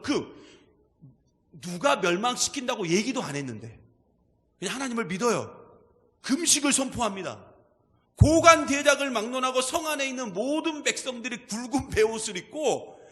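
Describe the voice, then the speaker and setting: A male pastor preaching a sermon with emphatic delivery, dropping to quiet asides and rising to shouts. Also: very high voice, long reverb tail. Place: church sanctuary.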